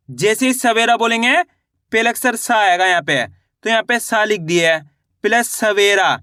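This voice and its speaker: Bright-voiced male reading teacher. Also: high-pitched, clear, resonant tone, no room sound, clean studio sound. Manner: slow, drawn-out syllable spelling with repeated questions. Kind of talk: online reading lesson.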